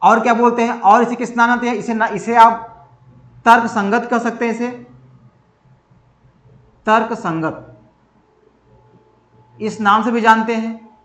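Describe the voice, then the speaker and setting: A very high, steady-toned, slightly bright male voice delivers a reasoning lecture for competitive exams, a little slowly and with long pauses. He drills by asking questions and answering them himself, repeating for emphasis, in an echoey room.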